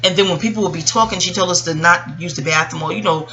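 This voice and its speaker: This vlogger, a woman in her early forties, talks fast in a fairly low voice as she tells a personal story, rambling and digressing casually and reflectively while acting out what others said with animation. The audio sounds dull.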